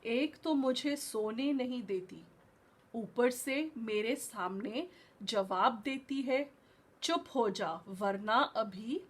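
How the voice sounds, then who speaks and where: A woman's voice: a little high, slow, husky. A woman voicing a grumpy male lion, king of the jungle, in a storybook reading. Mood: irritated. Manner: roaring, irritable.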